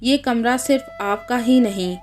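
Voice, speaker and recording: A woman's voice: on the high side, a little slow, a little mellow, soft background music, lightly acted. A woman voicing a resentful, complaining young unmarried sister in a read-aloud story. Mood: indignant. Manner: complaining and indignant.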